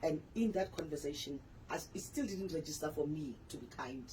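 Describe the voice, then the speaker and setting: A woman's voice: sits low, animated, brisk, dark tone, a little hiss or hum, low-quality recording. Earnest woman guest in her forties. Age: 40s. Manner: earnest, candid, personal storytelling. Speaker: pastor and author, guest. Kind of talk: radio interview.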